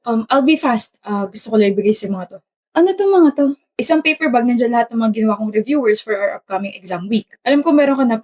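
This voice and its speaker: A woman performs both sides of a romantic skit, her delivery playful and teasing as she slips English phrases into Tagalog. Her voice sits somewhat high. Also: darkish tone. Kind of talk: acted romantic skit dialogue.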